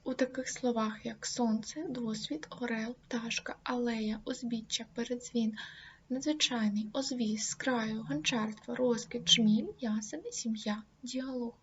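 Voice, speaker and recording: Slow, careful woman teacher. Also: fairly even intonation. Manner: slow, deliberate over example words. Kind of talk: grammar lesson. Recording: dull low-fi recording, faint noise.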